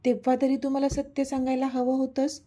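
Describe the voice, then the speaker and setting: Voiced by a woman, a stubborn young lover speaks in a storybook tale, teasing and insistent. His voice sounds mellow and a little husky. He pushes for answers and won't let the matter drop. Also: sits high, monotone, a little fast.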